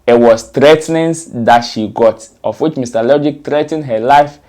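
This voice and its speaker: A man's voice: medium pitch, normal speed, darkish tone. A man hosting a commentary show, reading out a news story and quotes in an explanatory way, with fillers and restarts.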